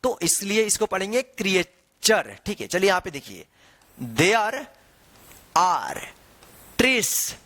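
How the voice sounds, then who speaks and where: Man, teacher, letter-by-letter spelling, dry close sound, lively pitch. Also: slow pace, long pauses, dry recording. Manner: spells words letter by letter, drawn out; asks and answers his own questions. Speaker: English teacher. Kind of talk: online spelling and reading lesson.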